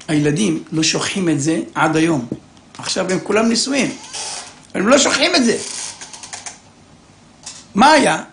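Older man with a gravelly, lively voice. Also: sits high, slight background noise. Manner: animated, acts out voices, chuckles. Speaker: storyteller. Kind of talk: comic personal storytelling. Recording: roomy echo.

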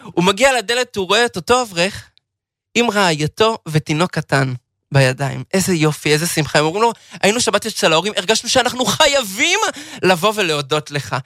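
A man's voice: sits high, dry recording, studio quality. A man giving a storytelling Torah talk, acting out the people in his tale and slipping into a sing-song chant. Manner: animated, acts out the people in the story. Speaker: religious lecturer.

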